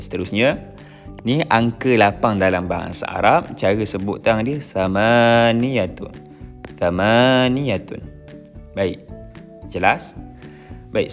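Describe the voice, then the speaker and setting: A Malaysian man speaks as a religious teacher, in a somewhat low voice. He says each term slowly, repeats it, and keeps checking that his listeners follow. Faint music plays under the recorded lesson. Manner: slow drilled repetition of terms.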